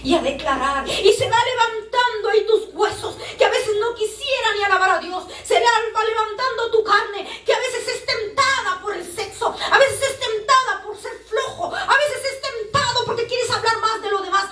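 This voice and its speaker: Woman preacher going hard, way high voice, echoey church mic from far off. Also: moderate pace, hardly any pauses, sharp tone. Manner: impassioned, keeps addressing listeners as brother. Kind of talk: sermon. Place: church hall.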